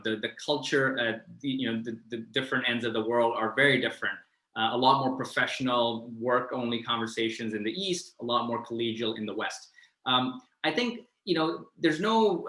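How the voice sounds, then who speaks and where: A man from Pakistan, a finance mentor answering student questions on a video call, talking in a lively, conversational way and often adding "right?". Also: mid-range voice, echoey room, poor audio. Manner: fast, animated, conversational, lots of "right?" tags.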